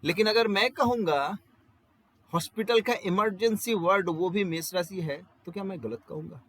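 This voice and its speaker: A man with a Bengali accent teaches an astrology class, mixing English phrases into his Hindi and explaining through rhetorical questions and everyday examples. His voice is high and a bit bright, and the recording is rough.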